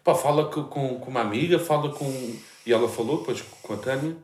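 A man's voice: mid-range voice, a little fast, roomy sound. A man in his thirties with a European Portuguese accent, casually chatting and telling stories with lots of swearing and laughter. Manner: animated storyteller, swears freely, laughs often. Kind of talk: casual chat.

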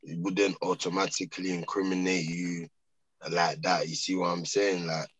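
A man with a deep, husky London voice and a hard, forceful edge. He chats casually in streetwise slang, ending thoughts on tag questions, recorded dry. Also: level tone, normal speed, dry recording. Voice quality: raspy, forceful. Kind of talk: casual chat.

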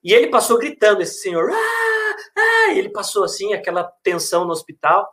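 A man who works as a hospital clown and researcher, talking in a casual, animated, slangy way. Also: high voice, quick pace. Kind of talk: casual conversation.

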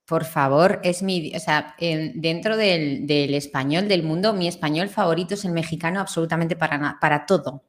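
A singing teacher from Spain appears as a guest in a casual interview, chatting enthusiastically and expressively with a Spanish accent. Her voice sits low, and she talks at a normal speed with few pauses.

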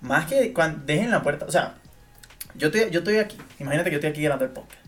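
A man's voice: on the high side, lively intonation, fast talker. Ranting man, faint music behind. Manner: ranting, emphatic, repeats himself. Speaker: podcast co-host. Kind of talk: casual chat.

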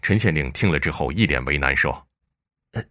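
A male storyteller narrating a dramatic tale in a measured way. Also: extremely low pitch, animated, pushed and bright.

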